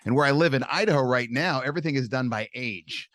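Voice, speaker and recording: A man in his forties spins stories from his youth at a brisk, tumbling pace, animated and loose, with an occasional swear word. His voice sits at a middle pitch and is caught close and dry on a podcast mic, with no room around it. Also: dry recording. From California. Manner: quick, animated storytelling with mild swearing. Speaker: guest, long snapping coach. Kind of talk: casual storytelling interview.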